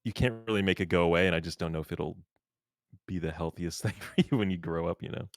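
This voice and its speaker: A man's voice: sits low, quick pace, dry recording, clean studio sound. A young man streaming casually with a friend, rambling with lots of fillers and frequent laughs. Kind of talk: casual chat.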